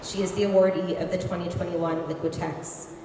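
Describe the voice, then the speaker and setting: A woman hosting a museum talk, reading prepared introductions in a measured way with some fillers. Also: lowish voice, level tone, dark tone. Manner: measured, with fillers and small restarts. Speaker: museum host introducing artists. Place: large museum gallery. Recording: echoey gallery with long reverb and noise.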